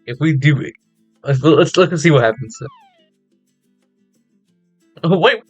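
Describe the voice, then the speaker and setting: A man's voice: on the high side, expressive, a little slow, husky, muffled recording, faint music behind. A man streaming a game, reading its narration aloud with giggles and stumbles. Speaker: gaming streamer.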